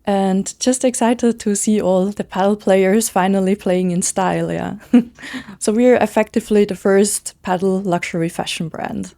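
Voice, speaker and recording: Swiss woman with a gravelly, mellow voice. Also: mid-range voice, fairly even intonation. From Switzerland. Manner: fast, enthusiastic, many "like" fillers. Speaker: guest, brand founder. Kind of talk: casual interview conversation.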